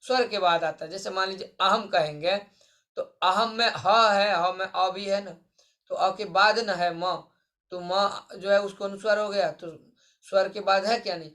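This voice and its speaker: A man's voice: high-pitched, steady tone, moderate pace, sharp tone. A male Sanskrit teacher speaking in an online lesson. He explains each point, asks the class a question and answers it himself, and calls his listeners friends. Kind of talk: online exam-prep lesson.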